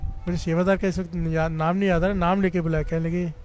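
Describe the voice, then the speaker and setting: A man's voice: high voice, level tone, fast, a little mellow, soft background music. A man giving a fervent Sikh sermon. He tells a story and keeps calling on the congregation to respond. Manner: fervent storytelling, often leading the congregation in "dhan guru nanak". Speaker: Sikh preacher giving katha. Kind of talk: devotional sermon with call-and-response.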